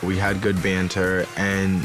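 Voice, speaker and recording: In an unhurried monotone, a low-voiced young man casually tells his personal story to camera, slangy and full of "like" and "you know." A school safety officer, club DJ and reality show participant, he was born in the Dominican Republic, came to New York at eight, and grew up between both. Music is clearly audible behind him.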